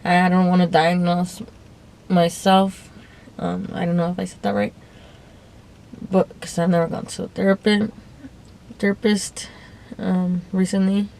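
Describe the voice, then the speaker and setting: A woman's voice: lowish voice, level tone, normal speed, vocal fry, long pauses, a little mellow. A young woman talking to her phone camera in a casual, confessional monologue, hesitant and rambling, often restarting and trailing off. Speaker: vlogger.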